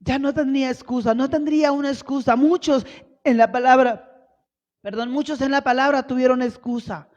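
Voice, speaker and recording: A woman's voice: sits high, steady tone, moderate pace, a little mellow. A woman missionary preaching a sermon in a church, asking rhetorical questions and acting out quoted lines with growing force. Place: church hall. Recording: reverberant church hall, dull lo-fi sound.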